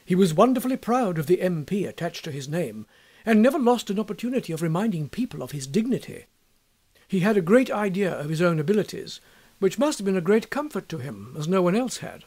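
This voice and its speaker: A man reading a classic story aloud in a wry, measured narrating style. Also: sits high, very animated, a little mellow. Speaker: audiobook reader.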